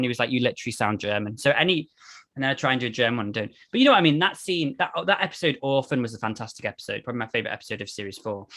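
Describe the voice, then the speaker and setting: A man's voice: medium pitch, sharp tone. A man, co-hosting a podcast and chatting animatedly about a television series. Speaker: podcast co-host. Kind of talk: casual chat.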